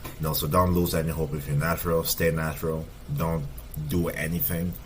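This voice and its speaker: A man's voice: extremely low pitch, little pitch movement, fairly quick, slight background noise. A man in his thirties, a fitness coach, giving casual, emphatic reaction commentary and repeating points for stress. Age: 30s.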